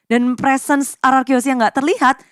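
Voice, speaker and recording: A very high-voiced Indonesian woman works as an esports caster. She calls the play live in the manner of a fighting game announcer, building into excited calls. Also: a little fast, clean tone, dry recording, studio quality. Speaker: esports match commentator.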